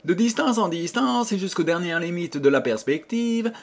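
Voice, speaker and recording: Expressive male audiobook reader for a children's fairy tale; husky voice, lively melody, slightly higher pitch. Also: moderate pace. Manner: expressive, addressing listeners as children. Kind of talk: storybook narration for children.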